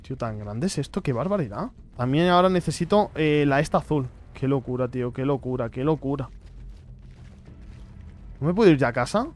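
A man's voice: mid-range voice, expressive, a little fast, darkish tone. A young man giving nervous, chatty gameplay commentary, talking to his viewers and repeating himself when scared. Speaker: gaming streamer. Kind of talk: casual horror gameplay commentary.

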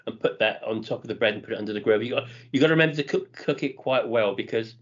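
A man's voice: on the low side, fast talker. Chatty middle-aged man, muffled. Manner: chatty, enthusiastic about food, chuckles often. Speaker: podcast co-host. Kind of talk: casual chat. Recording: dull lo-fi podcast audio.

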